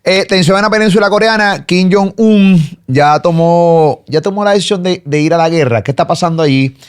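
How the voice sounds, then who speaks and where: A middle-aged Puerto Rican man with a Puerto Rican accent, co-hosting a talk show in a relaxed chatty manner and asking questions to move things along. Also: high voice, fairly quick, smooth. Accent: Puerto Rican Spanish. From Puerto Rico. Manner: conversational, asks questions to steer the topic. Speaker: co-host. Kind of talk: casual talk-show chat.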